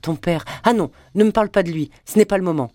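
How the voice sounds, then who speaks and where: A narrator voicing a grown daughter who is shocked and pleading, in a storybook reading. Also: female voice, fast, darkish tone, dry recording, studio quality, natural voice. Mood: defensive. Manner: pleading, higher and sharper than the narration.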